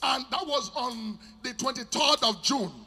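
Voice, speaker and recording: A male evangelist preaching fervently at a crusade in short repeated phrases, pausing for an interpreter, then leading shouted prayer and chant. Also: very high voice, breathy edge. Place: open-air crusade stage. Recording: loud worship music behind.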